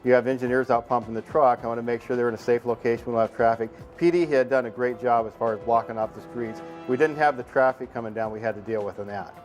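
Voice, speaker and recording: A man's voice: mid-range voice, fairly even intonation, quick pace, hardly any pauses, a little mellow. A man, a firefighter sector officer, explaining things informally in an after-action debrief. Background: faint music.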